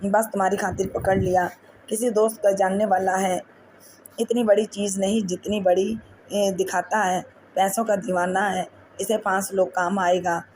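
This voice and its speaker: A woman's voice: medium pitch, little pitch movement, a little mellow, a little hiss or hum, close to an everyday voice, low-quality recording. A woman reading the lines of a mischievous, joking man in an audiobook novel, in a sly manner.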